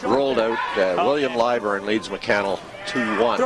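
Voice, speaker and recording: A man calling curling play-by-play as live sports commentary, in measured, short factual phrases. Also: fairly low pitch.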